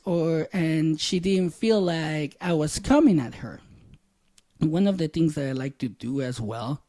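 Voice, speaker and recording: Man, podcast host, casual monologue, candid, swears a little, mellow voice. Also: fairly high pitch, vocal fry.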